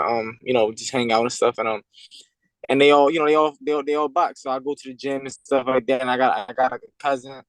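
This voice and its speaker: Fields: Sex: man. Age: 20s. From Puerto Rico and Pennsylvania. Role: boxer guest. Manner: halting, full of fillers. Sound: dry video call. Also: medium pitch, dry recording, rough recording. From Puerto Rico, raised in Pennsylvania. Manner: halting, many fillers and repeated words. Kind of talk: casual interview over a video call.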